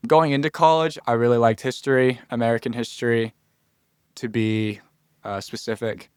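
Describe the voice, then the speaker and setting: Here the same kind of guest, a young adult college freshman from Florida, chats casually on a podcast in a mid-range, steady, mellow and smooth voice at normal speed. The studio-quality recording has no room sound, and he thinks aloud earnestly, restarting sentences and quoting asides.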